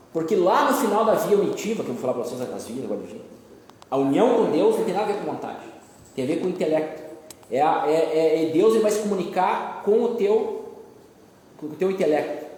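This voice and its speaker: A man's voice: sits high, darkish tone. A man teaching a group, explaining at length and repeating key phrases. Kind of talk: lecture with group discussion. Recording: echoey room, long reverb, faint noise.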